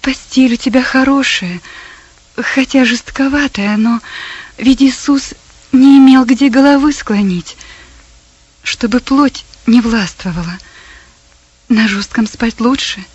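A woman voicing a devout mother who soothes her daughter in a hushed, near-whispered voice. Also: fairly high pitch, takes it slowly, long pauses, husky, no room sound, highs cut off. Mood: soothing.

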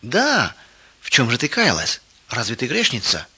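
Man doing gentle older woman mentor. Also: mid-range voice, wildly swooping pitch, normal speed, husky, dull audio, exaggerated voice.

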